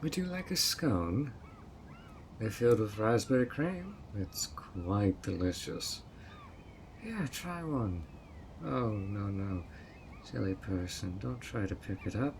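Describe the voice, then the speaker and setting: Playing the fairy host of a tea party, a man leans into a full character voice: lowish, slow, and swinging hugely in pitch. The male fairy he portrays is sweet yet obsessive, coaxing a guest with honeyed, playful slyness and a sweetly scheming mood, while slight background noise sits under the audio roleplay.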